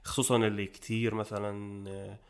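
Jordanian guy hosting a podcast, rapid emphatic talk, lowish voice. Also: little pitch movement, vocal fry, clean tone. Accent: Jordanian Arabic. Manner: quick, emphatic, gets loud when making a point. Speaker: podcast host. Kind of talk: casual chat.

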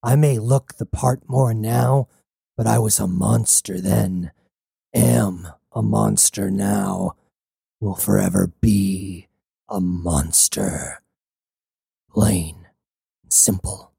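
A man voicing a hulking male cyborg captain, a menacing former mercenary with a gravelly, growling voice. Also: fairly low pitch, fairly even intonation, warm tone, no echo, clean studio sound, heavily acted. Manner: slow, grim and threatening. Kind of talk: audiobook character voice.

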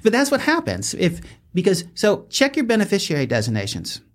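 A man who is an attorney hosting a podcast, explaining legal pitfalls in casual chat, lively and quick to chuckle. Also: high voice.

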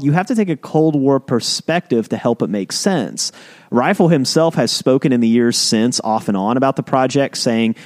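A man on a podcast tells a history story to his co-host. He speaks at a middle pitch, casual and explanatory. He leans into key points with lively emphasis.

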